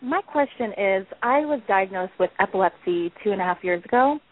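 A woman in her thirties calling in to a radio show, asking her question hesitantly with many pauses. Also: mid-range voice, expressive. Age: 30s. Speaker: caller. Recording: dry tinny phone line.

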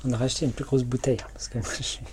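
A woman with an unusually deep, low voice, making teasing, dry asides on a casual livestream. Steady background noise runs under the home recording. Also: racing. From France. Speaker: livestream co-host. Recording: noisy home livestream audio.

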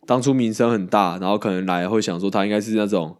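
Animated man chatting baseball. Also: fairly low pitch, fast talker. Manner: animated, laughing and casually swearing. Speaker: podcast co-host. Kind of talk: casual baseball chat.

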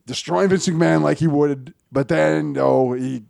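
A man's voice: on the high side, a little slow, gravelly, a little mellow, no echo, clean studio sound. A man co-hosting a casual wrestling podcast, giving blunt, opinionated takes with some swearing. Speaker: podcast co-host.

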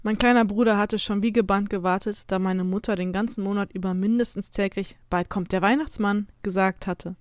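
A woman narrating a scripted first-person Christmas story in an even, measured way. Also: medium pitch, dry recording, studio quality.

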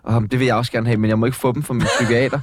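A man co-hosting a podcast, asking quick questions in a joking, casual way. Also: mid-range voice, flat delivery, background noise. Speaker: co-host. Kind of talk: casual chat.

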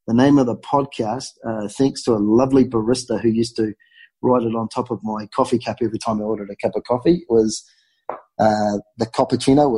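A man's voice: medium pitch, mellow, breathy edge, rough recording. A man with a broad New Zealand accent chatting casually and informally as a guest in a podcast interview.

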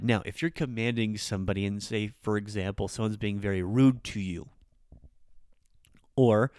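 In a dry, studio-quality recording, a man with a lowish, darkish, smooth voice teaches a laid-back spoken grammar lesson on his podcast. He's chatty and informal, acts out examples, and rolls his R's when he speaks Japanese.

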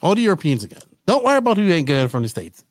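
A man's voice: fairly high pitch, big pitch swings, very fast, no room sound. A man hosting a podcast, chatting casually and eagerly pressing his guest with questions. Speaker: podcast host. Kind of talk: casual interview chat.

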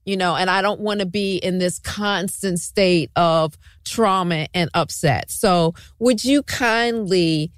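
A woman's voice: fairly low pitch, takes it slowly, few pauses, no echo, studio quality. A woman hosting an interview show in a conversational way. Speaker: show host.

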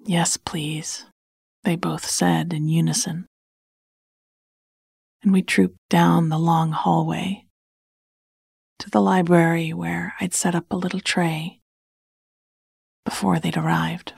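A woman narrating a bedtime story in a soft, hushed, soothing whisper close to the mic. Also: fairly low pitch, little pitch movement, slow, vocal fry, long pauses, husky, no room sound.

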